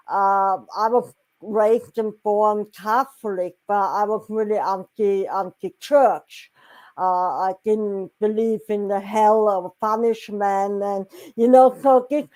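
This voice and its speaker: Woman, Austrian German accent, middle-aged, interview guest, slow, halting, searching for words. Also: fairly high pitch, a little mellow, rough recording. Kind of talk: casual interview chat.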